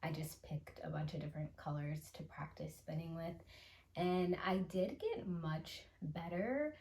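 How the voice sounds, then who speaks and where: A woman hosting a casual show-and-tell vlog, chatty and unhurried, with soft laughs and fillers. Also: deep voice, echoey room. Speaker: channel host.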